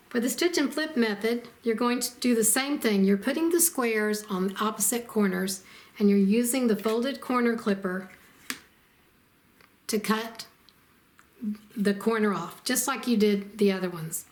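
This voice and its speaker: A woman narrating a step-by-step quilting tutorial as the instructor, in a calm and methodical way. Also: medium pitch, a little hiss or hum. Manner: calm, methodical, explains each step plainly.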